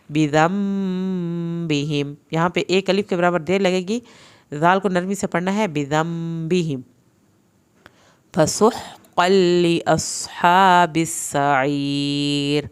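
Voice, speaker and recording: A woman teaching Quran recitation. She recites slowly, then explains each sound patiently, step by step. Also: fairly low pitch. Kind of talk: tajweed lesson, slow chanted recitation then spoken explanation.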